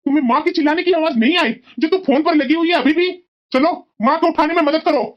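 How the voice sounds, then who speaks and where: A voice actor playing a worried, dutiful young husband in a cartoon, calling out loudly in alarm. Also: mid-range voice, level tone, racing, lo-fi sound, a little hiss or hum, natural voice. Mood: anxious. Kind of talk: cartoon voice acting.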